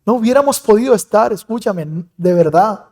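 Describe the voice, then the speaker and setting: Young guy pastor preaching, kinda high voice but mellow, gets loud then drops way soft. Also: lively intonation, normal speed. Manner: emphatic, dramatic swings in loudness. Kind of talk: sermon.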